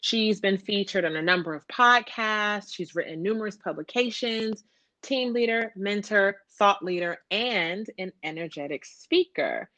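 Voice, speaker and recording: A woman's voice: mid-range voice, measured pace, bright, forceful tone, dry recording. A woman hosting a podcast interview, chatty and upbeat as she introduces her guest and asks questions. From Atlanta, USA. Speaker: podcast host.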